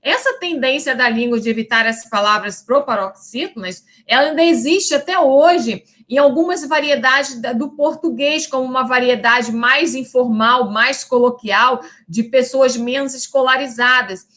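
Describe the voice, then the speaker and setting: A bright, high-voiced woman teaches a lesson in a recorded lecture. Her manner is didactic: she checks in with "né?" and "tá?" and stretches out example words slowly.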